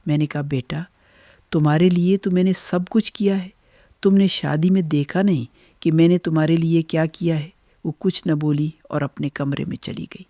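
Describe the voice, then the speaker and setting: An older woman telling her own family story in the first person, in a measured, gentle way. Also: low voice, steady tone, dry recording, studio quality.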